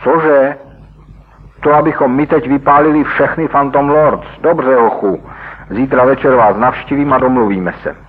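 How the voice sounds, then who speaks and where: A man's voice: lowish voice, husky. A man voicing a tough young male gang leader who speaks in a brash, commanding way, heard over a tinny radio broadcast. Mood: surprised.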